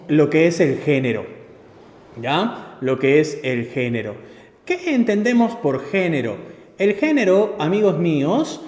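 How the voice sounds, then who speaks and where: Slow, lively teacher. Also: male voice, a little high. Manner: explains patiently, checks in with "¿de acuerdo?". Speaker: language teacher. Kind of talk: grammar lesson. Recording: echoey room with long reverb.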